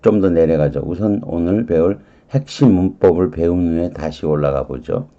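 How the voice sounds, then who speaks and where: A man teaching English vocabulary and grammar in an online lecture, reading words aloud and explaining each one deliberately. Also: deep voice, mellow, muffled recording. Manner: slow, deliberate, reads English words aloud then glosses them.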